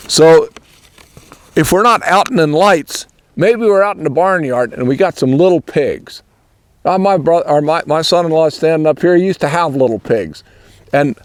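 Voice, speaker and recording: Older guy talking horses, easygoing and rambly, kinda high voice, dry close sound. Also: dry recording. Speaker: horse trainer. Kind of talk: folksy horse-training talk.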